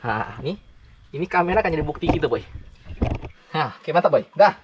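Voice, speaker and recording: A man's voice: fairly high pitch, animated, a little fast, muffled recording, noisy background. A man, narrating a casual outdoor travel vlog, chatty and playful, calling everyone "boy". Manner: chatty, says "boy" constantly, playful joking. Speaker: travel vlogger. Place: outdoors in the forest by a river.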